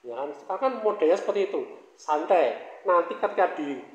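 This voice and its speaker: High-voiced man preaching in an echoey hall. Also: animated, a little fast, dull audio. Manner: conversational preaching with frequent rhetorical questions and asides. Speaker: pastor. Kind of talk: sermon.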